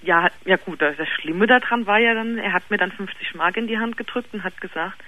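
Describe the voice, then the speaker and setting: A young woman in her twenties speaks on a telephone call to a late-night radio show. She talks haltingly, with frequent fillers and false starts. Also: mid-range voice, bright, forceful tone. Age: 20s. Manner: hesitant, halting, with many fillers and restarts. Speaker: caller.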